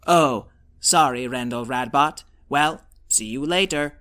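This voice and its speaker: Man voicing a friendly storybook robot-dragon, slow, plain-spoken. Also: mid-range voice, bright, forceful tone, smooth. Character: male robot turned chrome dragon, friendly.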